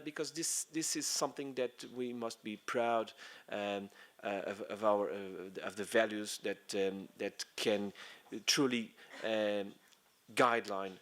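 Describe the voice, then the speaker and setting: Halting Portuguese-accented man giving a speech. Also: fairly low pitch, fairly bright tone. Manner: halting, many fillers and restarts. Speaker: conference speaker. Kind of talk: conference speech.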